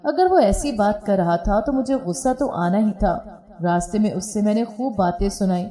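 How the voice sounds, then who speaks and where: Woman reading out a story, calm steady voice, warm and mellow. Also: mid-range voice, moderate pace. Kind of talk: first-person scripted narration.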